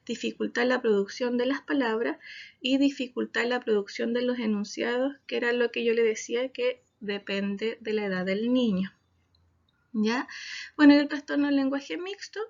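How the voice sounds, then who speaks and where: A woman's voice: a little high, vocal fry. A woman speech therapist, explaining to parents in a workshop and checking in often with short asides. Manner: explanatory, frequent "¿ya?" check-ins. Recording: dull lo-fi recording.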